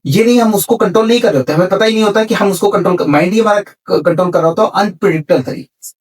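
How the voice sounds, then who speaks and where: A man's voice: sits high, very fast, distant mic. A man on a podcast explaining spiritual ideas in a conversation, repeating key words and mixing in English terms. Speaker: spiritual speaker.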